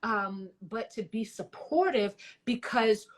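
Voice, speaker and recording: A woman's voice: medium pitch, slow. A woman hosting an interview, talking in an emotional, rambling way with many restarts. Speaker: host. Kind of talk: interview host.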